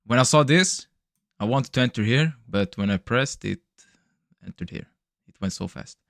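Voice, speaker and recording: A man's voice: medium pitch, expressive, moderate pace, vocal fry, fairly bright tone, no echo. A young man doing casual live-stream commentary on his trades, chatty and loose, calling his viewers bro. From Serbian parents, raised elsewhere in Europe. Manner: loose, chatty, swears and laughs, talks to chat as bro. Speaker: livestreaming futures trader.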